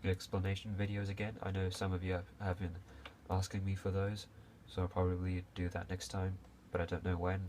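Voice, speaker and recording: A young Hong Kong man talks loosely to camera in a deep, low, monotone voice that is a little mellow. He speaks a little fast with hardly any pauses, yet the video creator hesitates, restarts often, drops "uh" between phrases and coughs occasionally. A faint hiss sits under it all.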